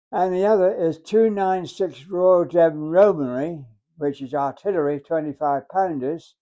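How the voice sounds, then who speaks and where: A hundred-year-old man, a war veteran telling his memories in a halting, deliberate way. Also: a little high, mellow, highs cut off. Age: 100. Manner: halting, deliberate, acts out remembered dialogue. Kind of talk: unscripted reminiscence, storytelling.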